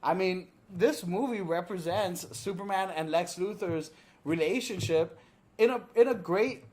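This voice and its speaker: A man's voice: high voice, measured pace, darkish tone. A tipsy man co-hosting a casual movie review, opinionated and swearing freely as he talks. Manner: tipsy, drunk. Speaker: drunk movie review co-host.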